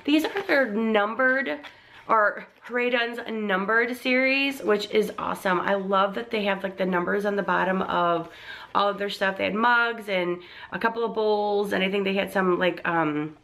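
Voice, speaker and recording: Here a young vlogger with a medium-pitched, slightly bright voice and some vocal fry talks at normal speed. Recovering from laryngitis, she sounds a little crackly as she chats and gushes about a shopping haul, full of likes and ums.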